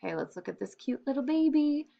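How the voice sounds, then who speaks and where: A woman teacher giving a recorded lesson to young children, upbeat, slowing down to stress example phrases. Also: high voice, sing-song, creaky. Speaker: elementary school teacher. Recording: slightly dull computer-mic sound.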